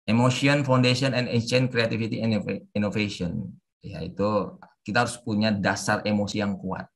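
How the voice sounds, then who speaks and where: A middle-aged man giving a webinar lecture with forceful, emphatic intonation, mixing in English terms. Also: on the low side, fairly even intonation, normal speed, creaky. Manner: mixes English terms into talk. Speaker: civil service trainer. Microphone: online webinar audio.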